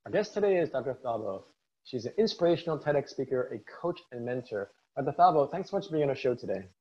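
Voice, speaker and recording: A man's voice: medium pitch, very animated, fast talker, a little mellow. Male podcast host, mid-range voice, upbeat and welcoming, slightly dull recording. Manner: upbeat, enthusiastic introductions. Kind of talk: podcast interview hosting.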